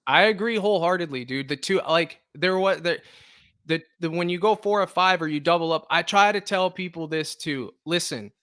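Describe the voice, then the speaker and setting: A man hosting a betting podcast in casual chat, emphatic and agreeable, repeating words when excited. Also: on the high side, normal speed.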